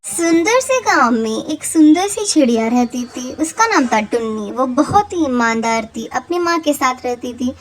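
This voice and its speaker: A woman narrates a cartoon fable in a steady, plain storytelling manner. Her voice sits high. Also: moderate pace, hardly any pauses.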